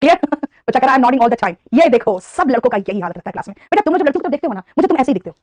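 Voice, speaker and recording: Fast, high-pitched Indian woman teacher, calls students beta, quizzes and praises, dry close sound. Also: expressive, darkish tone, dry recording. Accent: Indian English. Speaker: English vocabulary teacher. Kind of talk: online live class, Hindi mixed with English.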